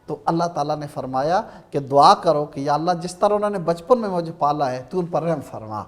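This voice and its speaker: Pakistani urdu guy preaching on a ramadan tv show, slightly high voice, emphatic, slows down for verses. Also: animated. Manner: emphatic preaching, recites Quranic verses slowly. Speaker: religious scholar guest. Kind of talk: Ramadan TV sermon-style talk.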